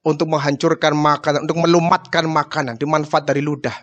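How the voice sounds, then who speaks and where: A male Islamic preacher with a fairly high voice tells a religious story in a lecture. He narrates casually and keeps shifting into acted voices for the dialogue. His delivery is animated, with frequent rises and drops. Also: fast talker.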